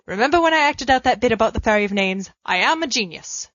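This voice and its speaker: A podfic reader with a slightly high, bright, expressive voice reads a fan fiction letter quickly, playing it cheeky, playful and mock-pompous. It's a dull, lo-fi home recording, dry with no echo.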